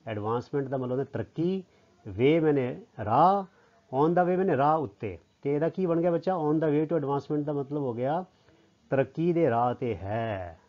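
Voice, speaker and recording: A man's voice: a little high, animated, moderate pace. A man with a Punjabi accent, a teacher explaining a lesson to children word by word and asking them questions, on a slightly dull lo-fi recording.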